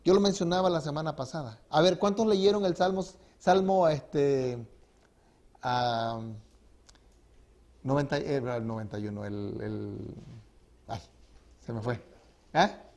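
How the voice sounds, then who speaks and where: A man's voice: medium pitch, unhurried, long pauses, darkish tone. A man, a pastor preaching a sermon to his congregation in a church, with emphatic rises and drops and frequent rhetorical questions. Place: church sanctuary.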